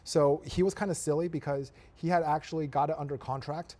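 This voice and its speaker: A man's voice: on the high side, fairly even intonation, a little fast, a little mellow. A man, a real estate investor, talking emphatically in a casual podcast conversation, repeating his points for effect.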